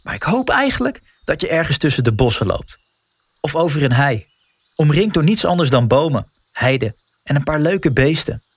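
A man's voice: on the high side, big pitch swings, moderate pace, husky, dry recording. A man narrating a scripted guided wellness walk as a coach, speaking informally and encouragingly straight to the listener.

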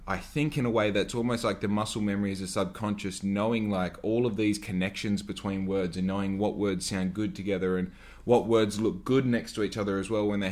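Low-voiced man in his twenties rambling on a podcast. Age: 20s. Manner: rambling, profane, filler-heavy with frequent "like". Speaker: podcast host. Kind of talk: solo podcast monologue.

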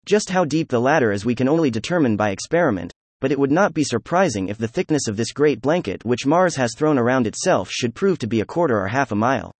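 A man reading a classic science fiction story aloud as scripted narration, with an even, unhurried delivery and the dialogue read with little change of voice. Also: medium pitch, dry recording. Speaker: audiobook narrator.

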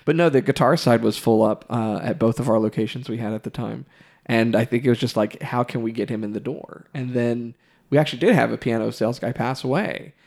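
A man hosting a casual podcast conversation, speaking in a thoughtful, measured way. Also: mid-range voice, gravelly, darkish tone. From Texas. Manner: thoughtful, measured, occasional laughs. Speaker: podcast host, music store employee.

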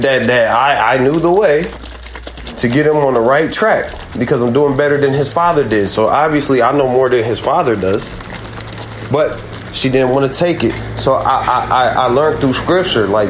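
A man's voice: medium pitch, echoey room, a little hiss or hum. A man on a live group voice call who speaks with earnest conviction and quotes scripture in a casual debate. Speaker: call-in panelist.

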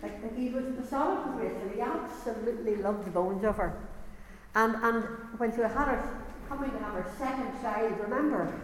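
A woman with a slightly high voice preaches earnestly at normal speed before a congregation in a church or hall, with slight background noise. She often repeats words to build her point, and the echoey hall gives her voice a long reverb.

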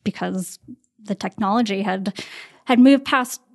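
A woman's voice: mid-range voice, unhurried, vocal fry. A woman in her thirties, a podcast guest, telling a personal story in conversation and acting out the voices she quotes, with fillers along the way.

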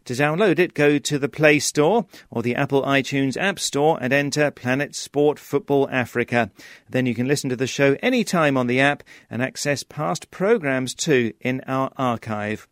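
A man hosting a radio sports show, reading scripted announcements in a brisk announcer manner. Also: mid-range voice, dry recording, studio quality.

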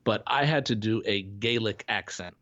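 A man co-hosting a podcast, chatting casually and rambling through restarts and fillers. His voice sits fairly low. The recording is dull and lo-fi. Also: normal speed, a bit bright, no room sound. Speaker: podcast co-host. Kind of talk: casual chat. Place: home in Florida.

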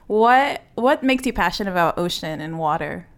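A woman's voice: on the low side, expressive, moderate pace. A woman hosting a podcast interview in a casual, informal, chatty style. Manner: informal, reacts with short interjections. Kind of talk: casual chat.

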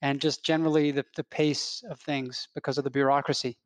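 A man hosting a podcast, introducing a guest and asking questions in a relaxed, conversational way. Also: mid-range voice, fairly quick, no room sound. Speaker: podcast host. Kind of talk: podcast interview.

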